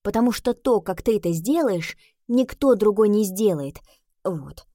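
A woman's voice: medium pitch, lively intonation, a little slow, dark tone, no room sound, studio quality. A woman voicing an earnest lovesick schoolboy who fancies himself a romantic poet and recites verse pompously, in an audiobook. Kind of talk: audiobook reading.

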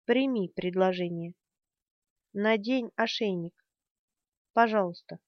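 A woman reading the part of a young woman who forcefully demands and shouts while hiding heartbreak, in an audiobook character reading. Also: mid-range voice, takes it slowly, dry recording, highs cut off, lightly acted. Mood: insistent.

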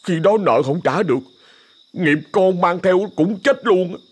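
A man's voice: animated, a little slow, slightly rough, exaggerated voice. A man doing a whiny, jittery young debt collector. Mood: whining. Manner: high, whiny, fretful.

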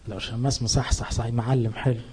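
A man with an Egyptian accent preaching a sermon as a priest, earnest and emphatic, rising in pitch on scripture quotes. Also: little pitch movement, quick pace, a little mellow, husky. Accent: Egyptian Arabic.

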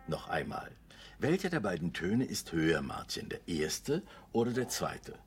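A man's voice: sits low, big pitch swings, unhurried. An actor playing a dry, teasing music-director father in a radio drama, with music underneath. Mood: instructive. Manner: wry and teasing.

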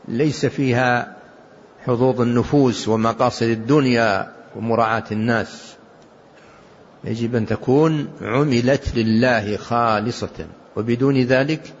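An older man, an Islamic scholar, giving a slow and measured religious lesson, explaining a hadith with deliberate repetitions. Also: medium pitch, breathy edge. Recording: dull lo-fi recording.

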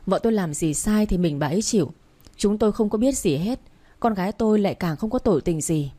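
A woman reads a desperate middle-aged father in an audiobook story, rushed and pleading, voice pitched up and pushed louder as he begs for mercy. The tone stays warm and low underneath. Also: expressive, natural voice. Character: middle-aged man begging for his daughters.

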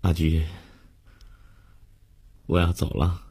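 A man's voice: low voice, takes it slowly, creaky, darkish tone, husky, voice pushed up, heavily acted. A man voicing the tearful ghost of a young man saying farewell in a told story, his words choked and broken. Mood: gentle.

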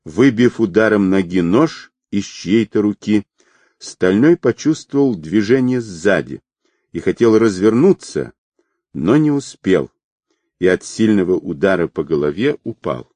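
A man reading an action-packed audiobook aloud in an expressive storytelling manner. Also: fairly low pitch, a little slow, no echo. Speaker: audiobook narrator.

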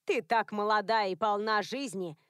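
A woman voicing a stern, indignant elderly widow with a slow, scolding delivery in an audiobook. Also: mid-range voice, clear, resonant tone, dry recording, clean studio sound, lightly acted. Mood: pitying.

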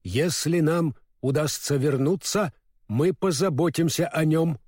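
A tender-hearted tin woodman speaks slowly and earnestly, as a man reading aloud puts him on. He stays close to the reader's own voice, plain and sincere. The recording is close and dry. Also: on the high side, darkish tone, no echo. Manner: earnest, slow.

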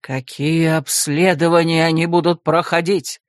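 A woman voicing an irritable aristocratic male academy rector who growls and snaps in a lowered voice. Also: unhurried, dry recording, clean studio sound. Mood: exasperated. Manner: gruff, shouting, exasperated.

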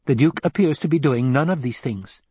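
With lively intonation and a warm, slightly rough tone, a man speaks fairly quickly with no room sound. He's voicing a clever, supercilious male adviser for an audiobook, coolly analytical as he sets out schemes in precise, formal, higher-pitched speech.

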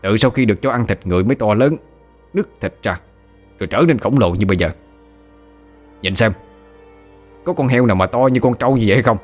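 A man's voice: lowish voice, fairly quick, long pauses, faint music behind, close to an everyday voice. Man doing a blunt, mocking bald thug.

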